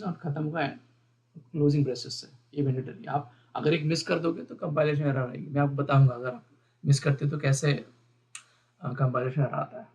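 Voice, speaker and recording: A man teaching a beginner programming lesson, explaining each part of the code slowly and repeating the terms, often asking his viewers questions. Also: fairly high pitch, a little mellow, highs cut off. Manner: explains step by step, repeats terms, mixes English terms into Hindi. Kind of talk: screen-recorded coding lesson.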